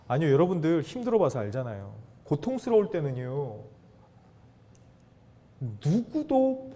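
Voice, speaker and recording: A middle-aged man lectures a room of fathers in an animated way, putting questions to them and acting out bits of dialogue. His voice is mellow and dark, with a pitch that rises and falls widely and sits a little high. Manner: animated, acts out dialogue, asks audience questions. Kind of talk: lively lecture to an audience of fathers.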